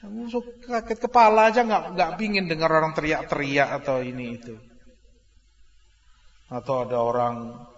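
A man teaches in a slow, earnest lecture style, laying out each point in short repeated phrases. His voice sits a little high for a man. The recording is dull and lo-fi, with a long hall echo trailing his words. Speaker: religious teacher. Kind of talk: recorded Islamic study lecture.

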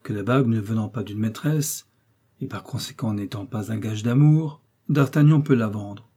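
A man reading aloud and voicing a refined, reserved musketeer with priestly airs who speaks in a measured, careful way. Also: fairly low pitch, dark tone, breathy edge.

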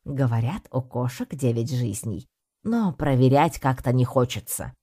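Audiobook narrator, a woman with a very deep, husky voice, wry tone. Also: expressive, unhurried, warm tone. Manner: wry, storytelling. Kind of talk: scripted first-person narration.

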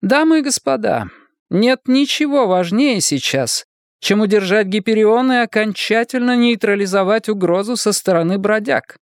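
A man voicing a stern woman head of government who speaks in a measured, authoritative way. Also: medium pitch, lively intonation, no room sound, studio quality, voice pushed up, natural voice. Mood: commanding. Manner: measured, authoritative, quietly commanding. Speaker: political leader.

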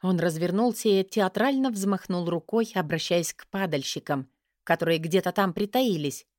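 A woman's voice: on the low side, moderate pace, a little mellow, no echo, clean studio sound. Woman narrating a wry fantasy tale. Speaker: audiobook narrator. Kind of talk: first-person fantasy narration.

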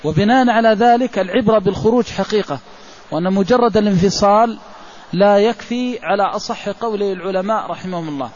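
Man with a fairly high voice teaching religious law, slow and explanatory, dull lo-fi tape. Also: a little mellow. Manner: measured, explanatory, pauses with drawn-out fillers. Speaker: religious scholar teaching jurisprudence. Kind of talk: classical religious lecture explaining a legal text. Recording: dull lo-fi recording with faint hiss.

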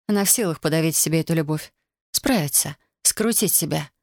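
A woman narrating an audiobook with a somewhat low voice and an even, steady delivery. The sound is dry and close, with no room around her. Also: brisk, dry recording. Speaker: audiobook reader. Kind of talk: scripted narration.

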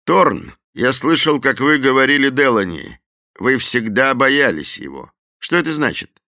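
A man's voice: mid-range voice, lively intonation, unhurried, sharp tone, voice pushed up. A man voicing a stern, wealthy male businessman who speaks firmly and asks pointed questions. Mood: stern probing.

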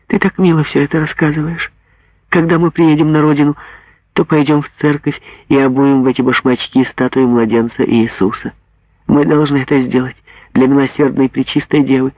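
A man voicing a distraught old recluse mother in an audiobook, with a husky, gravelly voice. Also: on the high side, dry recording, pitched above the performer's own voice. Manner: pleading, swinging between rapture and terror. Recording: dull lo-fi dry recording.

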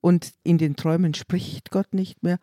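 A woman co-hosting a podcast who explains background calmly in casual chat. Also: lowish voice, measured pace, no echo, clean studio sound. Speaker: podcast co-host.

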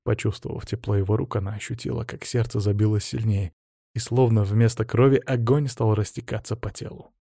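A man reading a novel aloud as narrator, in an even, steady storytelling manner. His voice is warm and mellow, recorded dry and close with no room sound. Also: lowish voice, fairly quick, creaky, no echo. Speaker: audiobook narrator. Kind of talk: scripted narration.

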